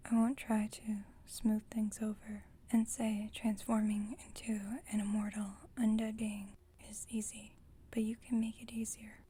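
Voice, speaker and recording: Voicing a caring, composed and formal leader of a vampire coven, a woman speaks in a soft, breathy ASMR whisper at medium pitch. The delivery is measured and the mood gentle and reassuring.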